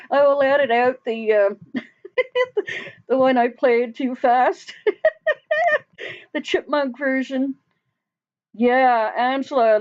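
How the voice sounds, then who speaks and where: A woman's voice: high voice, lo-fi sound. A woman hosting a casual live chat with her viewers, talking in a loose, rambling way with frequent laughs and trailing sentences. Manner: chatty, laughs often, trails off mid-sentence. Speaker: livestream host.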